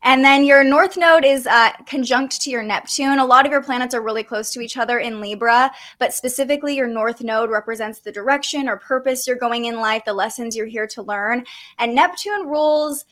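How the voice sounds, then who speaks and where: A woman with a slightly high voice walks a guest through her birth chart. She talks gently and explains as she goes, with soft fillers and light laughs. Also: a little fast. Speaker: podcast host reading an astrology chart. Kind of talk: conversational astrology reading.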